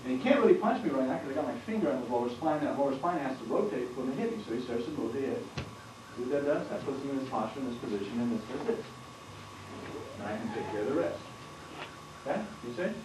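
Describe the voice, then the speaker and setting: A man's voice: medium pitch, lively intonation, quick pace, noisy background. A man teaching a martial arts seminar, explaining moves while demonstrating on a partner and often asking the class questions. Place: training hall. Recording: roomy 1990s camcorder audio from far off.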